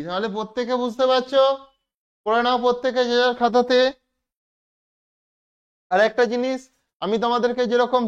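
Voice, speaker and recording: A woman teacher giving a classroom lesson to children, spelling out words slowly letter by letter and checking that everyone understands. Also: fairly high pitch, clean tone. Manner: slow, step-by-step spelling out of letters. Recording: dull lo-fi recording.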